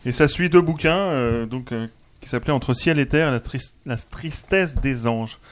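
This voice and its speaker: A man's voice: medium pitch, normal speed. A man talking casually on a podcast, rambling with many fillers and restarts as he describes something. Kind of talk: casual chat among friends.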